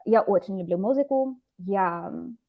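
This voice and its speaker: A woman's voice: medium pitch, unhurried, creaky, narrow, tinny audio. A woman tutoring a student over a video call, explaining words patiently. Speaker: Russian teacher. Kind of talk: online language lesson.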